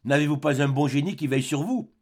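A man's voice: fairly high pitch, quick pace. A man voicing a fierce, jealous old spinster woman who scolds in a brusque, bossy way. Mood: coaxing.

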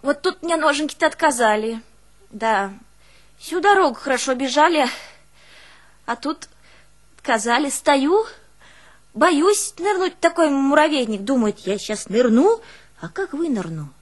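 A stage actress in a one-woman play performs a theatrical folk monologue as an artless, emotional peasant woman speaking a northern Russian rural dialect and recounting her life. Her high-pitched voice is a little slow and pauses often. She's folksy and expressive, exclaiming and musing aloud in artless recollection.

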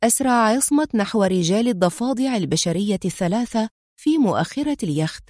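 Narrator: woman, middle pitch, even storytelling read, dry close mic. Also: no echo. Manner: steady, measured storytelling. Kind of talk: audiobook novel reading.

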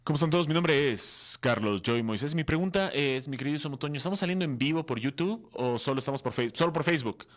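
A man's voice: a little high, lively intonation, fast, few pauses. A man hosting a live comics show, chatting casually in a neutral Mexican accent and reading out viewer comments. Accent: neutral Mexican Spanish. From southeastern Mexico. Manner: chatty, reads out viewer comments and answers them. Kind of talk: live-stream casual chat.

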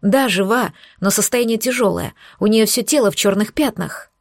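A woman's voice: medium pitch, moderate pace, no echo, lightly acted. Woman doing a caring young sister, urgent and pleading, audiobook role, dry close sound.

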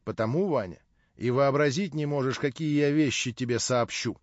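A man's voice: medium pitch, moderate pace, no echo, lightly acted. A man reading an audiobook, voicing an insistent, familiar man pressing a friend to visit. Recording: dull, dry lo-fi recording.

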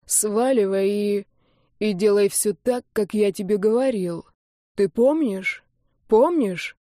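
Woman doing a hurt guy gasping out orders in a hoarse half-whisper, dark voice. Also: mid-range voice, takes it slowly, dry recording, studio quality, natural voice. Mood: urgent. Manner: urgent, commanding, gasping. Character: hoarse wounded young man, older brother. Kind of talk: audiobook character reading.

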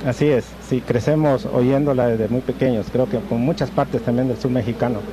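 A man speaks as a guest author, measured and thoughtful, pausing often as he gathers his words. His voice sits in a middle register. Street traffic is clearly audible around him. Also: mid-range voice, fairly even intonation, highs cut off. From Guatemala. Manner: measured, thoughtful, with frequent hesitations. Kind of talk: interview answers. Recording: noisy outdoor traffic background.

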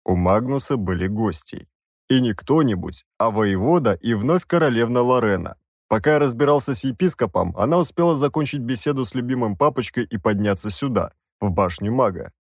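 A man's voice: medium pitch, animated, a little fast, no room sound. A male audiobook narrator telling a fantasy tale in the first person with a wry touch. His mid-range voice moves animatedly, recorded close and dry in a studio.

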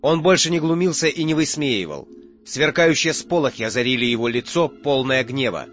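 A man's voice: mid-range voice, lively intonation, moderate pace, fairly bright tone. A man reading an audiobook as narrator in a tense, dramatic way. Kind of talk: scripted narration. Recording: muffled audio with faint music.

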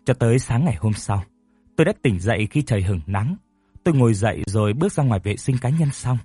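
A male storyteller reads a sad ghost story in a steady, mournful way. His voice is mellow and breathy and sits close and dry, with soft music faintly underneath. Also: medium pitch, fast, no room sound. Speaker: narrator. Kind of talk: storytelling narration.

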